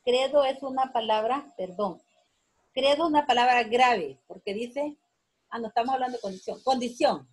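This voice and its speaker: A woman teacher explaining spelling to pupils, patient and deliberate, repeating each word and pausing to correct herself. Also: a little high, husky, poor audio. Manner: slow, patient, repeating words syllable by syllable. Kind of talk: classroom lesson on accents.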